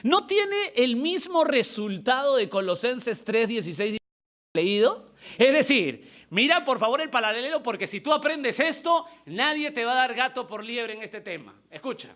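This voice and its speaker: A male pastor preaching a sermon in church, emphatic and lively, reading scripture aloud slowly between his explanations. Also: very high voice. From Peru.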